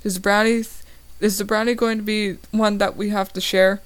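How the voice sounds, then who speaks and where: A woman reading her first-person story aloud in a plain, slightly halting way with small slips. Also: mid-range voice, little pitch movement, smooth. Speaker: reader of a story.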